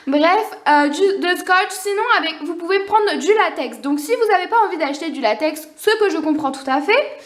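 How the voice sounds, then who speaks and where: A young woman giving a casual, unscripted nail art tutorial, talking quickly with many fillers and apologies. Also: very high voice, fairly bright tone. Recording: echoey room.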